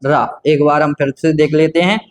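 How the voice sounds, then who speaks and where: A man's voice: a little high, fairly even intonation, normal speed. A man teaching a grammar lesson, patient and repetitive, asking himself questions and answering them. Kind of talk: grammar lesson explaining at a board.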